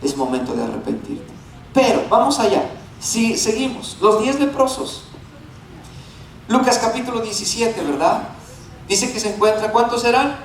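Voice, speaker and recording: A male pastor preaching a sermon, animated and calling on the congregation to repeat after him. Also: high voice, normal speed, gravelly, pauses often, echoey room, recorded from a distance, a little hiss or hum, low-quality recording. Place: church sanctuary.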